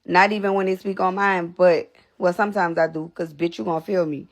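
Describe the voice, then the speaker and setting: Blunt, breathless woman with vocal fry. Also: fairly low pitch, fairly even intonation, fairly quick. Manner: blunt, repetitive, profane. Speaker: livestream host. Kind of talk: casual livestream talk to viewers.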